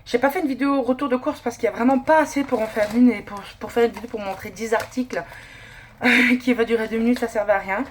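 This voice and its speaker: This casual vlog chat features a woman from a Turkish family speaking quickly in a voice on the high side, rambling and filling her talk with fillers. She films on a handheld camera, moving between home and outdoor walks. There's slight background noise.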